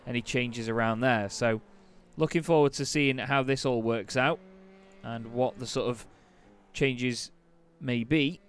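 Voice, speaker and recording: Working as lead caller for live sim racing, a man uses a motorsport commentator's delivery that builds into excited calls. He has a medium-pitched voice and an unhurried pace, and there's a slight hiss or hum.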